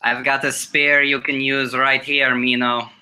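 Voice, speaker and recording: A player at a tabletop game, joking and teasing in quick asides. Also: medium pitch, flat delivery, bright, forceful tone, clean tone.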